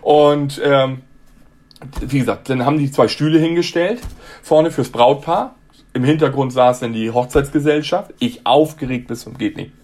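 A middle-aged man from Hamburg, a ventriloquist, telling a lively, self-mocking anecdote in a casual interview. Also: mid-range voice, moderate pace. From Hamburg, Germany. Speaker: ventriloquist guest.

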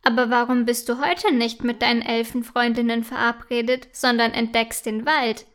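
A woman's voice: on the high side, flat delivery, moderate pace, fairly bright tone, lightly acted. A woman voicing a lonely male talking mushroom who speaks sternly and then kindly. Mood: plain. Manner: stern at first, then friendly and laughing.

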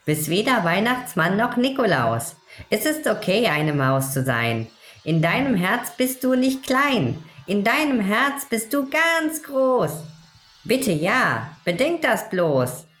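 A woman voicing a gentle, kind little male Christmas elf, who speaks in soft soothing rhymes. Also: mid-range voice, big pitch swings, slow, pitched above the performer's own voice. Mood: comforting. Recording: roomy echo with faint music.

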